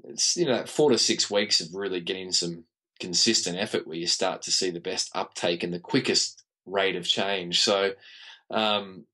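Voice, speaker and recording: An Australian man with a croaky, frog-in-the-throat voice, explaining conversationally as a podcast guest. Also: low voice, normal speed, sharp tone, rough recording. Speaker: podcast guest, running physiotherapist.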